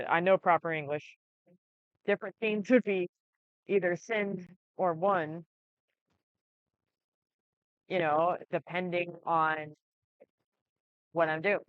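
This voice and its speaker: Halting, rambling channel creator, dry lo-fi sound. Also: medium pitch, smooth, no echo. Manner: halting, rambling, many restarts. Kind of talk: casual channel update. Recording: dry, slightly dull lo-fi recording.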